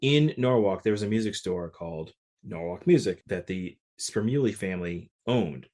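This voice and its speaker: A man from Connecticut, a session percussionist, telling stories in a relaxed interview with lots of "like" fillers. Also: on the low side, moderate pace. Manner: relaxed, chatty, frequent "like" fillers. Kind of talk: casual interview storytelling.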